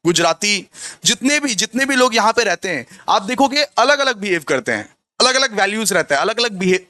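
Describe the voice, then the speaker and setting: Male tutor, high and bright, repetitive question-and-answer revision style. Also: no echo. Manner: repetitive, asks the class rhetorical questions and answers them himself. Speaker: commerce tutor. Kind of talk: exam revision lecture.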